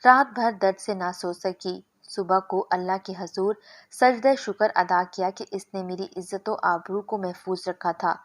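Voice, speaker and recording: A woman narrating a scripted first-person story in a measured, steady way. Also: medium pitch.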